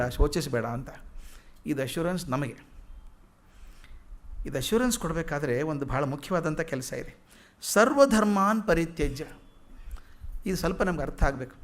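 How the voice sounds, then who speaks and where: A man with a fairly high voice lectures in a hall. He recites verses slowly, then unpacks them in plain conversational talk, posing questions to his listeners and answering them himself. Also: a bit bright. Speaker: lecturer on philosophy. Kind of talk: public lecture explaining verses.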